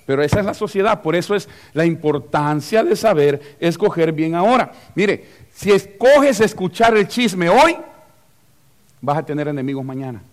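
A man preaching a sermon as pastor. His voice sits high, and he delivers in an animated way, acting out little scenes and calling out questions to the congregation. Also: moderate pace. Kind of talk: lively sermon. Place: church.

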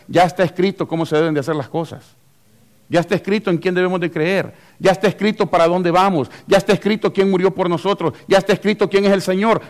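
High-voiced emphatic male preacher. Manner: emphatic, repeats key phrases, swings between loud and hushed. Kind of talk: sermon.

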